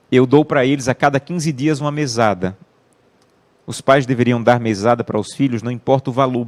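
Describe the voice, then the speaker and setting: A man preaching an earnest sermon and telling personal family stories. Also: mid-range voice. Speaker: pastor.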